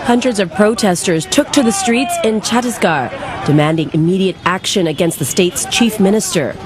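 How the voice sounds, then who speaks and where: A young adult woman anchoring a morning news show, chatty in banter and crisp when reading stories. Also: medium pitch, lively intonation, moderate pace, a loud crowd, heavy background noise. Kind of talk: morning news chat and newsreading.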